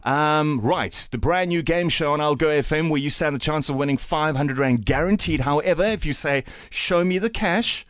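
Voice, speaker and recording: A man's voice: a little high, normal speed, few pauses, a bit bright, no room sound, studio quality. A South African man hosting a casual live radio game show in a jokey, chatty way. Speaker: radio breakfast show host.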